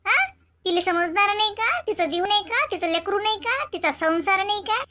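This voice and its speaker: A woman voicing a caring adult sister in an animated comedy, chattering and fussing with a Varhadi Marathi accent. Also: very high voice, moderate pace, a little hiss or hum, heavily acted.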